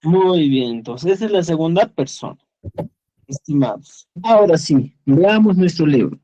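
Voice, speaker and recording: A man teaching an online class, explaining slowly and patiently, often checking that students follow. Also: a little high, expressive, dark tone, highs cut off. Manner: slow, patient, checks understanding with "¿ya?". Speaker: Quechua teacher.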